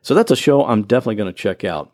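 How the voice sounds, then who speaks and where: This Florida-based podcast host teaches computer skills on his own show, laying out each step patiently and simply. He talks at a racing clip in an expressive, lowish, darkish voice, captured dry at studio quality.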